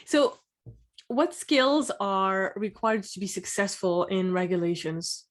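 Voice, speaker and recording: A woman's voice: medium pitch, lively intonation, takes it slowly. A woman hosting a career interview show, with a mid-range voice. Her delivery is upbeat and welcoming, with the neat phrasing of prepared introductions.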